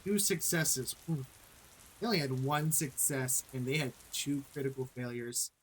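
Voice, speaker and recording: A man's voice: mid-range voice, slight background noise, low-quality recording. A man acting as game master, narrating combat and calling for dice rolls in a tabletop game. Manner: measured, calls for rolls and narrates combat results.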